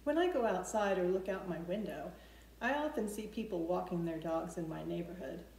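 A woman in her forties hosts a storytime for preschoolers at home in a living room with an open kitchen, explaining things simply and asking the children questions. Her lowish voice is animated, gravelly and a little mellow, at normal speed. The recording has a roomy echo and noticeable background noise.

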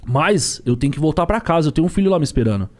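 Fast, lively São street-talking man. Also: fairly high pitch. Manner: slangy and street-talking, acts out dialogue. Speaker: ride-share driver and podcast guest. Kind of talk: storytelling in a podcast chat.

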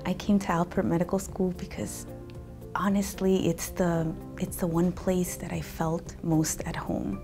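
A woman's voice: fairly low pitch, flat delivery, a little slow. A young woman from Peru, a medical student, speaking earnestly in a studio interview. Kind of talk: interview testimonial. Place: studio with gray backdrop. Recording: soft background music.

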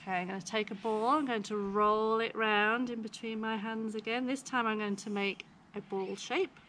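A woman in her thirties, a children's phonics teacher and presenter, gives a kids' lesson outdoors in a home backyard. Her fairly high voice sounds pushed and bright, and she uses a broad, singsong presenter style. Faint outdoor noise can be heard in the background.

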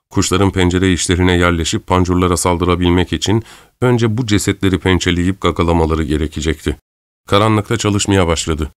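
A man reading an audiobook aloud in measured, dramatic scripted narration. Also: low voice, smooth, dry recording, studio quality. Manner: measured, dramatic storytelling, voicing characters' lines lightly.

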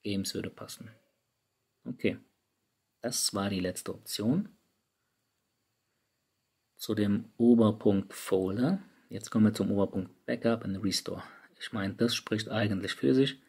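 A man's voice: fairly low pitch, a little slow, vocal fry, pauses often, a little mellow, breathy edge. A man talking viewers through phone settings in a casual, chatty tutorial, speaking straight to his audience. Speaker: tech YouTuber. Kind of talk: screen-recorded app tutorial. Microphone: studio microphone.

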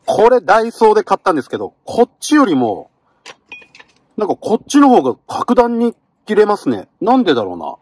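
A middle-aged man talking casually to the camera from inside a parked car, getting excited while he eats. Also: sits high, a little fast, no room sound. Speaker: vlogger. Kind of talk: casual car-camping vlog.

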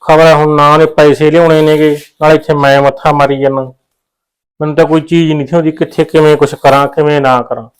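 A man's voice: fairly high pitch, level tone, quick pace, clean tone, natural voice. An actor playing a worried village man with a Punjabi accent, muttering to himself. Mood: fretting. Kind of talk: village short film acting.

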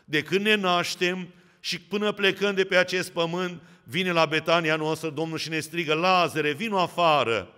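A man's voice: high voice, little pitch movement, pushed and bright, smooth, long reverb tail. A man with a Romanian accent preaching a sermon, often putting questions directly to the congregation.

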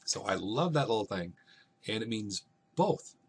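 A man's voice: fairly low pitch, very animated, unhurried, husky. A man teaching a literature lesson in a casual, conversational way, often checking in with "right?".

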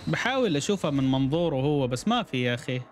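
A man's voice: mid-range voice, big pitch swings, racing. A man streaming a game, chatting and reacting aloud and greeting viewers by name. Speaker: gaming streamer. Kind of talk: casual gameplay commentary.

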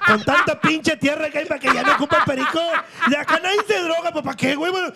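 A man's voice: very high voice, fast talker, creaky, very noisy. A man telling vulgar, rowdy stories on a comedy podcast. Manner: vulgar, rowdy storytelling with mimicked voices. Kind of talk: crude comedy podcast chat.

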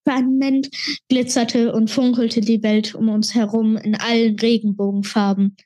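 A woman reading a children's fantasy novel aloud in a steady, expressive storytelling manner. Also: fairly high pitch, normal speed. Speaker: reader.

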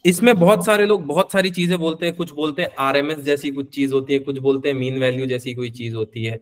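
A man's voice: medium pitch, fairly even intonation, fast talker. A young man teaching a physics class live online, chatty, calling his students beta and answering their questions.

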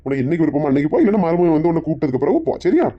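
A man's voice: a little high, sing-song, rapid-fire, dull audio. A middle-aged man with a Kanyakumari Tamil accent plays a doting father in a comic family skit, coaxing his daughter and bickering with his wife. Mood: soothing.

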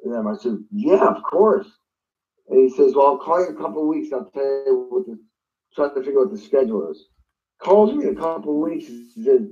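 A man with a dark, mellow voice tells his story with a lot of life, jumping into other people's voices as he recounts phone calls. The sound is a bit dull and lo-fi. He talks like an easygoing guest in a casual interview. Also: medium pitch. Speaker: guest drummer.

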